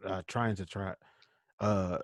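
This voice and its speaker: A man's voice: deep voice, steady tone, slow pace, no room sound, studio quality. A man co-hosting a podcast, chatting casually and laughing while he tries tongue twisters. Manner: easygoing, explaining, laughing. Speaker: podcast host.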